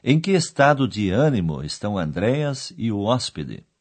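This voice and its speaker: A man presenting a scripted radio language lesson, explaining each step in a didactic way. His voice is fairly low and husky, with lively, wide-ranging intonation. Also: moderate pace. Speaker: radio language course host. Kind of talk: scripted educational narration.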